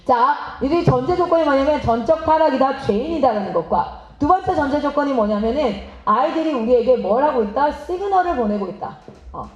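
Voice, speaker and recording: High, animated woman lecturing in a hall. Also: brisk. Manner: animated, asks the audience questions and acts out parents and children. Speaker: missionary speaking at a teachers' seminar. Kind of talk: lively seminar lecture. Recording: roomy, slightly dull hall recording.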